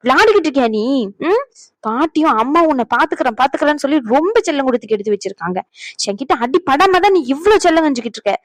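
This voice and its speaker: Cartoon mother, stern and nagging, fast high scolding, voiced by a woman. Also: very animated, dry recording. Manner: scolding, nagging, rapid-fire. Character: strict scolding young mother, a doctor.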